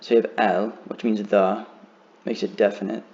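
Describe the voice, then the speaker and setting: Man, lowish voice, patient teacher, careful pronunciation demos, dull lo-fi sound. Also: little pitch movement, darkish tone. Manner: slow, careful demonstration of pronunciation. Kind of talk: beginner lesson.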